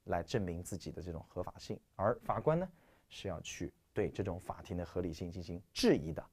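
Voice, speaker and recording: Animated male English teacher, stuffy nose. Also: low-pitched, brisk, breathy edge. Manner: lively, animated explaining with rhetorical questions. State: stuffy nose, clearing throat. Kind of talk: lecture.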